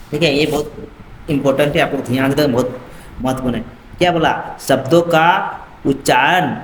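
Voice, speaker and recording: A man's voice: on the high side, a little hiss or hum. A man teaching a school lesson, mixing Hindi and English and repeating a checking phrase often. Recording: echoey room with faint ambience.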